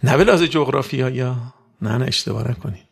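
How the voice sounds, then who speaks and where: A man preaching a sermon to a religious gathering, asking rhetorical questions and rising sharply in pitch and volume. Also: vocal fry, husky. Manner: rhetorical questions, sudden loud rises in pitch.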